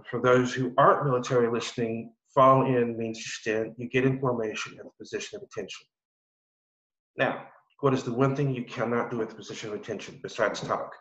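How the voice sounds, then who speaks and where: A man, an army veteran and podcast guest, tells an earnest, animated story in an interview. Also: mid-range voice. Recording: roomy, dull audio.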